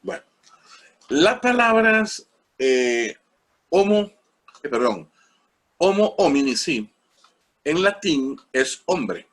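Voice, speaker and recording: A man's voice: a little high, sing-song, slow pace, long pauses, fairly bright tone. A man with a Costa Rican accent giving an informal parish-school lecture, explaining patiently with frequent fillers and spelling out words letter by letter. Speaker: parish formation teacher.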